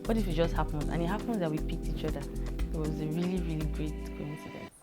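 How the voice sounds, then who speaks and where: A woman contestant in a confessional interview, speaking excitedly and quickly. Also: low-pitched, loud music behind the voice.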